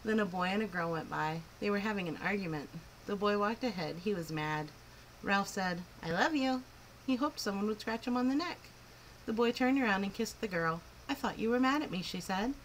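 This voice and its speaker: Against background noise, a storyteller reads a children's picture book aloud in a medium-pitched, slightly fast female voice. She narrates with lively expression, clear phrasing, and emphatic swoops.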